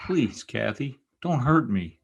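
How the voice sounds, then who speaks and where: An actor playing Heathcliff, a brooding and bitter lover, in an old-time radio drama with an impassioned, theatrical delivery. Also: male voice, mid-range voice, animated, slow, vocal fry, slightly rough, highs cut off, full character voice. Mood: anguished, pleading. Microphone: recorded remotely over video call.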